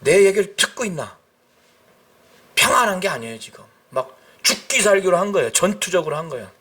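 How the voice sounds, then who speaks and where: A man's voice: high-pitched, big pitch swings, fairly quick. A man, a pastor, preaching an emphatic sermon and acting out the people he quotes. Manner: emphatic, rising to shouts at climaxes; acts out quoted cries and speech.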